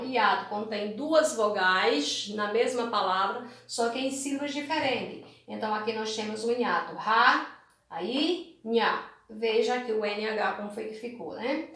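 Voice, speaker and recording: A Brazilian woman teacher with a fairly high voice speaks slowly and patiently, stretching out each syllable. She keeps checking in with her pupils, and her voice rings around a very echoey room. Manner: slow, drawn-out syllable-by-syllable teaching with frequent "né?" and "tá certo?". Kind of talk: online classroom lesson.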